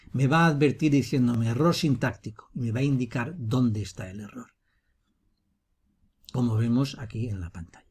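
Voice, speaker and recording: A man teaching, talking through a screencast software tutorial step by step in an explanatory manner. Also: mid-range voice, husky.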